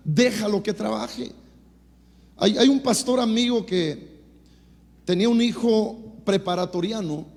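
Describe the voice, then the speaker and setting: High-voiced Mexican pastor preaching in a hall. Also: male voice, darkish tone. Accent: Mexican Spanish. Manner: preaching with rising, emphatic bursts and quick storytelling asides. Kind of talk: sermon. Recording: long hall reverb.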